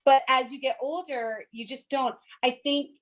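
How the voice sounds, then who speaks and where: A woman's voice: high-pitched, fairly even intonation, normal speed. A woman co-hosting a casual chat, asking friendly questions. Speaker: co-host.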